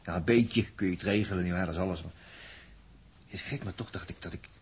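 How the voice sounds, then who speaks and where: An actor playing a gruff, impatient male station crewman in a radio drama, brusque and teasing. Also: low voice, fast, slight background noise, lightly acted. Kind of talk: vintage radio drama acting.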